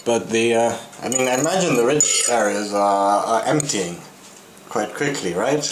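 A man's voice: medium pitch, expressive, normal speed. A man hosting a casual chat, putting questions to his companions. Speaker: podcast host. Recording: echoey room with clear background noise.

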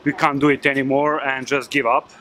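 A man in his thirties who runs a digital agency, answering interview questions in a relaxed way, with many fillers and restarts. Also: mid-range voice, a little fast. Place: outdoors on a city street. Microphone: filmed by handheld camera. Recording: noisy street recording.

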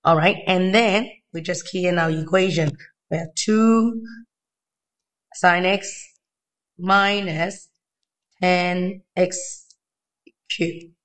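Male maths tutor, high-pitched thin voice, weak from being unwell, informal step-by-step delivery. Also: steady tone, extremely slow, pauses often, fairly bright tone. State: unwell, weakened voice. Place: indoors at a desk.

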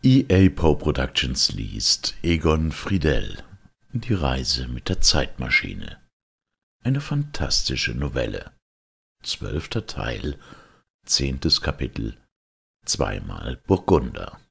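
A man reading an audiobook in slow, measured storytelling narration. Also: rumbling low, sing-song, gravelly, a bit bright, breathy edge. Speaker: audiobook reader. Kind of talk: scripted narration.

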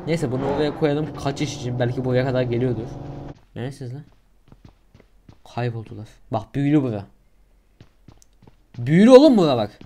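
A young man giving casual, slangy commentary over a mobile shooter game, getting loud and excited in tense moments. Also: mid-range voice, background noise. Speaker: gaming YouTuber.

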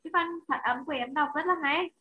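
A woman teaching English to children online, slowly repeating each word with careful enunciation. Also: high voice, sharp tone. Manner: slow repeated drilling of single words, clear enunciation. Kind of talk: online class drilling vocabulary. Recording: muffled lo-fi online call audio.

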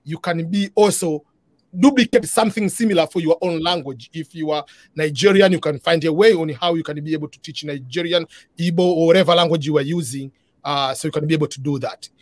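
Speaking a little fast in a fairly high voice, the middle-aged host runs a live video-call interview from his living room. The audio has no room sound, and his earnest delivery is full of restarts and "uh" fillers.

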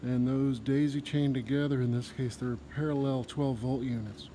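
Man, Southern accent, mellow tone, technical walkthrough, large indoor shop, faint background noise. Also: mid-range voice, fairly even intonation, normal speed. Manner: plain explanatory, technical, with fillers. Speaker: RV shop tour guide. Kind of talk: casual walkthrough narration.

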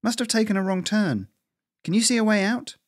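A man voicing a sharp-tongued older female squirrel in a storybook reading, scolding and snappish. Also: high-pitched, a little fast, voice pushed up, natural voice. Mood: exasperated.

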